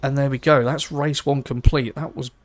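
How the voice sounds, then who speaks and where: A man's voice: medium pitch, fairly even intonation, moderate pace. A man, commentating a sim racing event live in a chatty, rambling way and laughing easily. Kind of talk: live esports race commentary.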